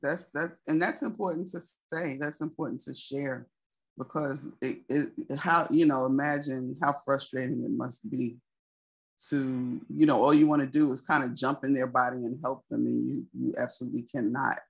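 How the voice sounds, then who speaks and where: A woman's voice: a bass voice, steady tone, normal speed, creaky, breathy edge. A woman co-hosting a casual conversation, sympathetic and often murmuring agreement.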